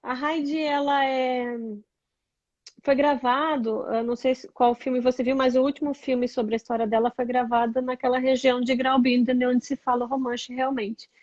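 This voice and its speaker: A woman's voice: high voice, little pitch movement, moderate pace, darkish tone, no echo. Chatty Brazilian woman, muffled dry sound. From southern Brazil. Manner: chatty, explains with many tag questions. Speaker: guest, blogger and tour guide. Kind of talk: casual interview over a call.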